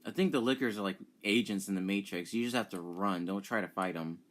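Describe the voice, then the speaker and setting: A young man giving casual commentary as he reacts to a game demo, excitable and breaking into sudden exclamations. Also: on the low side, fairly quick, a little hiss or hum. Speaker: gaming YouTuber reacting to a demo.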